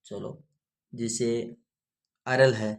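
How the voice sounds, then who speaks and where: A man's voice: medium pitch, steady tone, very slow. A man teaching a grammar lesson, spelling words out letter by letter and asking his students questions.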